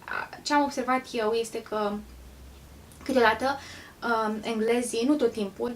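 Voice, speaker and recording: A chatty woman from Romania tells stories to her viewers in a relaxed vlog, often pausing on an um. Her voice sits a touch higher than most and comes from a little way off the mic. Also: recorded from a distance, a little hiss or hum. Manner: chatty, pauses with frequent ums. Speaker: vlogger. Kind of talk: casual vlog storytelling.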